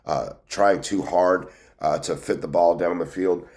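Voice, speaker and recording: Speaking unhurriedly in a low, somewhat mellow voice, a man hosts a sports team news show with a folksy, conversational style. His scratchy throat and cold leave him sounding congested and nasal, like he's got his nose pinched.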